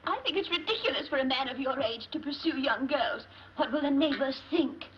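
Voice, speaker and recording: A scandalized wife scolds in screwball comedy banter. Her voice is high and plaintive, on a dull old film soundtrack with faint noise. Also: expressive, brisk. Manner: reproachful, plaintive.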